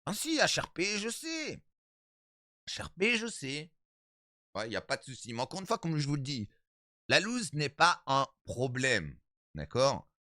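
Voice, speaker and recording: A man in his thirties, streaming from home and talking straight to his chat. His pitch swings up and down and his voice is bright. The sound is close and dry. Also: a little slow, long pauses, dry recording. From Italian background. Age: 30s. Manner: animated, repetitive, addresses chat as brothers. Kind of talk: casual stream chat to viewers.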